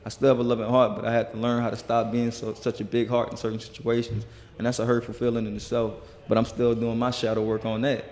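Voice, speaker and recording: Earnest rambling man, flat delivery. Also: medium pitch, fast. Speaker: guest musician. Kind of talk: casual interview talk. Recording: reverberant hall.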